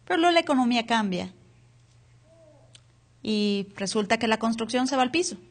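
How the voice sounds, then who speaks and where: Woman pastor, high voice, live church sermon, has the congregation repeat after her. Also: expressive, moderate pace. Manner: asks the congregation to repeat words aloud. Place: church hall, captured live.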